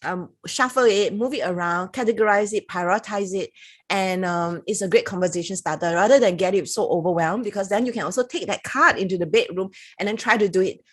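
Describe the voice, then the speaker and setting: A product reviewer with a Singaporean accent talks to camera in a chatty, casual way, reading passages aloud and laughing softly. Her mid-range voice is husky and brisk.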